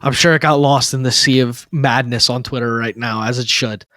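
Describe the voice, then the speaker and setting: A young man in his twenties co-hosting a sports talk podcast, excited and emphatic, repeating phrases for effect. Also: medium pitch, normal speed, dry recording, clean studio sound. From Maryland, USA. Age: 20s. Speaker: co-host.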